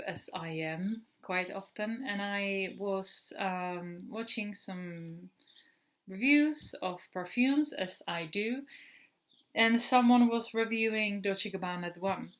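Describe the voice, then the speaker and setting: A woman's voice: mid-range voice, takes it slowly, a bit bright. A woman in her thirties, originally from the Republic, chatting casually in a perfume review vlog, rambling with many fillers and restarts. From Czech Republic. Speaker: perfume vlogger.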